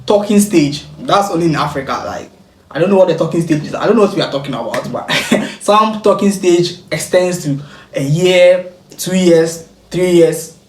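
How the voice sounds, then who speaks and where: A lively, talkative reaction host from Ghana. The voice sits at a middling pitch and carries a roomy echo with faint background noise. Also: moderate pace. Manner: chatty, animated, explains clips to viewers. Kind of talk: casual reaction commentary. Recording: echoey room with faint noise.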